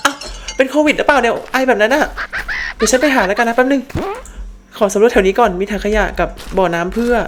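Chatty, excitable woman streaming a game. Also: a little high, quick pace, music in the background. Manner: chatty and excitable, swears freely, squeals when startled. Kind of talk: live horror game commentary.

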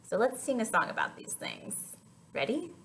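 This young story-time host has a somewhat high, gravelly voice and speaks at a moderate pace. She reads and chats to young kids with a bouncy, sing-song delivery, often quizzing them. A little hiss or hum can be heard.

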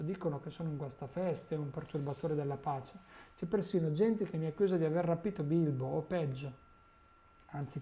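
A man's voice: a little high, mellow, lightly acted. A man reading as an old male wizard who gives earnest warnings in a grave tone.

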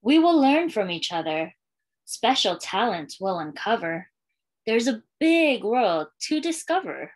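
Very animated and a little slow, a woman in her thirties reads a picture book to young children in a fairly high, sing-song voice. She's a school librarian, and the small room around her holds bookshelves and a curtain.

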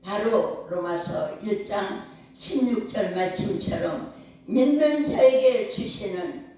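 A woman's voice: medium pitch, lively intonation, slow, warm tone. An older woman pastor preaching a sermon with a rising cadence and calls for amens. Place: church sanctuary. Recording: echoey church hall, far from mic.

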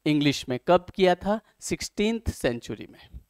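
A man teaching an exam-prep lecture, explaining step by step, asking questions and answering them himself, and reading English passages slowly. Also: sits high, very animated, darkish tone, clear, resonant tone, dry recording, studio quality.

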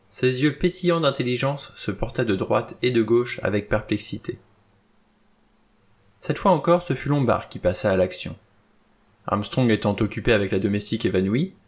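A man reading a novel aloud in a steady, plain narrating voice. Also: medium pitch. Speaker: audiobook reader.

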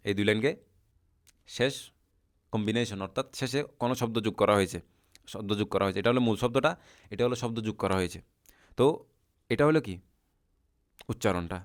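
A man teaching a recorded language lesson, patiently repeating word forms slowly for his students. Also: on the low side. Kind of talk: recorded lesson explaining a chart.

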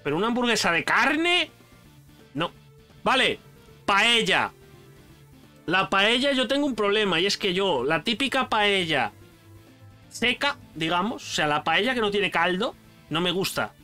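A man's voice: high-pitched, measured pace, pauses often, faint music behind. A young man from Spain with a Spanish accent, chatting casually and animatedly while ranking foods for his channel, full of slang. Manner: animated, slangy, addresses viewer as "tío". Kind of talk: casual chat, food tier list.

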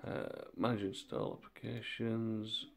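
A man with a cold talking through a screen tutorial in a monotone, laid-back way. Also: on the low side, measured pace, gravelly. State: has a cold. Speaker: tutorial maker.

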